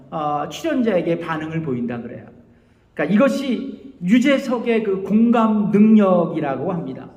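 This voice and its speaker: Lively Korean pastor in an echoey hall. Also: male voice, extremely high pitch. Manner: animated, leads the congregation in call-and-response. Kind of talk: sermon. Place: church sanctuary.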